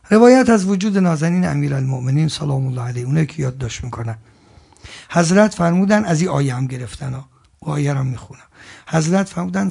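A man preaching a sermon, swelling from quiet asides to loud emphatic peaks, chanting scripture slowly and joking with the audience. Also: on the high side, vocal fry, breathy edge. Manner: jokes with the audience between points.

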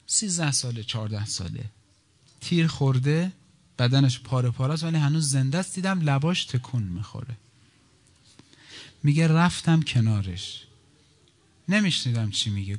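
A man preaching a religious sermon, moving between brisk storytelling and slow, grieving lament. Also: mid-range voice. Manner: swings from fast telling to slow, wailing lament. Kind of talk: sermon with mourning recitation.

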